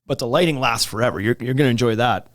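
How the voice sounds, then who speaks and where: A chatty man talking casually in a dry, close-sounding room. His voice sits at an ordinary pitch, and he laughs easily and leaves sentences half-finished. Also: fast talker, no room sound. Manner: chatty, laughs often, trails off mid-sentence. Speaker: podcast co-host at a deck store. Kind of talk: casual chat. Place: indoors, store.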